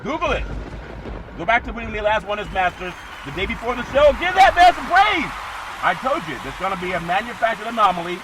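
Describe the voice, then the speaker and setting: A middle-aged man hosting a sports podcast, animated, repeating catchphrases and swinging between loud and quiet. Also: high voice, quick pace, background noise. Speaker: podcast host. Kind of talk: sports talk monologue.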